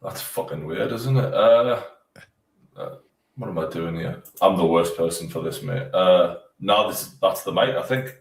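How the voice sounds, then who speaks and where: A man's voice: low-pitched, unhurried, gravelly, far from the mic. Man on a tinny, echoey mic. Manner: blunt, informal, swears freely. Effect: tinny, metallic-sounding mic. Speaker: guest. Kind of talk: casual chat.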